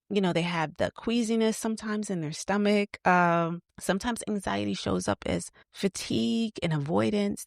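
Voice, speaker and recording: A woman's voice: fairly low pitch, gravelly, no echo, clean studio sound. A woman hosting an advice podcast, telling personal stories in a chatty way with lots of fillers. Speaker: podcast host. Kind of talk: casual advice podcast monologue.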